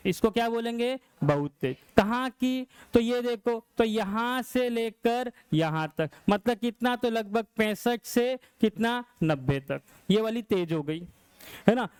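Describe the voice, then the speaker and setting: A man's voice: very high-pitched, darkish tone, smooth, no echo. A male science teacher lecturing a class, asking questions and answering them himself.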